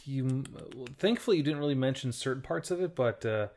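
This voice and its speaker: A man co-hosting a podcast, chatting casually in a careful, halting way. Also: mid-range voice, animated, darkish tone. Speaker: podcast co-host. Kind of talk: casual tech chat.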